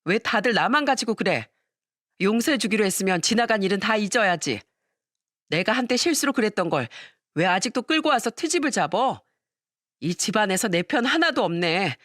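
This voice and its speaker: A woman's voice: medium pitch, animated, moderate pace, fairly bright tone, dry recording. A sneering young daughter-in-law, put on by a woman narrator in a radio-style story. She snaps and scoffs at everyone around her. The voice sounds dry and close. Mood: scornful. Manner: sneering, snappish. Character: harsh, scornful young wife, a daughter-in-law.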